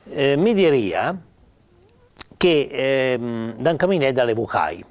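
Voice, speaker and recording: An older man with a Piedmontese accent giving an informal spoken lesson on spelling, halting with many pauses and fillers. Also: mid-range voice, sing-song, darkish tone. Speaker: writer teaching Piedmontese spelling.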